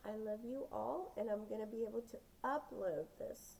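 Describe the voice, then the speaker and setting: A woman with a fairly high but dark, mellow tone and a gravelly fry running through her voice. She talks to her viewers in an earnest, emphatic way, giving heartfelt advice about acting and life as though lying back at home. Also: normal speed, slight background noise. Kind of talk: casual heartfelt monologue to viewers.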